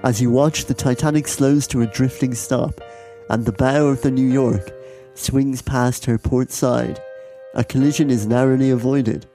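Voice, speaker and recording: A man's voice: mid-range voice, steady tone, normal speed, mellow, faint music behind. A man who co-hosts, reading a gamebook aloud in a giggly, comedic way. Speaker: podcast co-host reading a gamebook. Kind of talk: comedic read-aloud narration.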